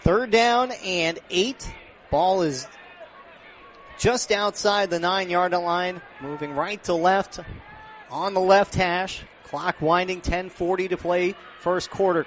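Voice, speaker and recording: A radio announcer with a voice that sits high and sounds a bit bright calls a football game play by play, live. He's close on the mic at an outdoor stadium, with clear stadium noise behind him.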